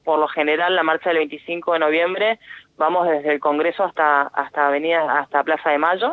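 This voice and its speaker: A woman with an Argentine accent, a guest activist speaking earnestly on a phone interview, halting often with fillers and restarts. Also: sits low, fairly even intonation. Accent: Argentine Spanish. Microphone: telephone. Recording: tinny phone line.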